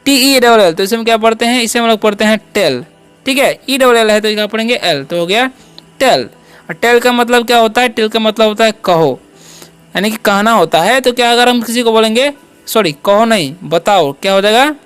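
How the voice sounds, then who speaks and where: A woman teaching an English lesson, spelling words out slowly and asking and answering her own questions with a frequent "okay". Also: on the high side, expressive, smooth, faint music behind. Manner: asks and answers own questions, repeating "ठीक है"; slow, careful spelling-out of words.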